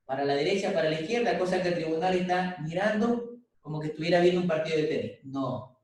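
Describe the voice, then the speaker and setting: A man's voice: a little high, fast talker, darkish tone. A man with an Ecuadorian Spanish accent giving an informal, advice-filled university lecture over a video call. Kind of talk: online class lecture. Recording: echoey video-call audio from far off.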